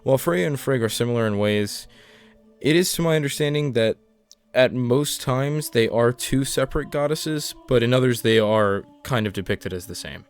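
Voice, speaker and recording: A man's voice: medium pitch, moderate pace, faint music behind. A man delivering scripted explainer narration as the narrator of a video essay.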